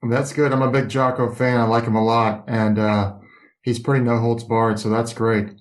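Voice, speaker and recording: A man hosts a casual podcast interview. His voice is medium in pitch and he talks conversationally. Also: little pitch movement, normal speed. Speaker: podcast host.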